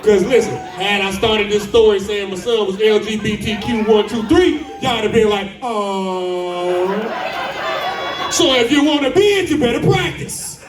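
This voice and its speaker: A middle-aged man doing a loud, profane stand-up comedy set in a club with a live audience. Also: high voice, moderate pace, hardly any pauses, music in the background. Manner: loud, profane, animated storytelling. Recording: echoey club, distant mic, crowd laughter.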